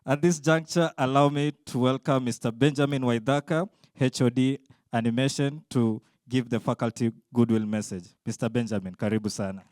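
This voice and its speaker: A master of ceremonies with a smooth, resonant voice introduces the next speaker. His delivery is slow and measured, with a light touch of humor, and the sound is close and dry. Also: mid-range voice, fairly even intonation, a little mellow, no echo. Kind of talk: ceremony hosting.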